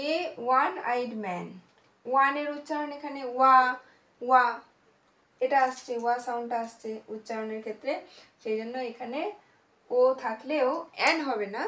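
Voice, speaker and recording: A woman with a high voice teaches an English grammar lesson in Bengali. She goes slowly and patiently, repeats each example word and keeps asking whether it is clear. The room around her is echoey. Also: fairly bright tone.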